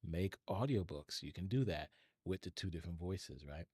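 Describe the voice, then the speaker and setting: A man's voice: deep voice, lively intonation, moderate pace, a little mellow, slightly rough, no room sound, studio quality. A middle-aged man hosting a live tech stream, chatting casually and rambling as he talks straight to his viewers. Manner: chatty and rambling, addresses chat directly.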